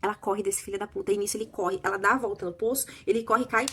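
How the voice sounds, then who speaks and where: A woman with a Brazilian Portuguese accent gives a casual, spoiler-filled book review. She retells the plot breathlessly and excitedly, with sudden outbursts. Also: medium pitch, racing, a little hiss or hum.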